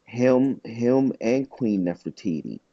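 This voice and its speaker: A man co-hosting a podcast in loose, profane casual chat, his stories jumping up in pitch when he gets excited. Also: takes it slowly, no echo, dull audio. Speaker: podcast co-host.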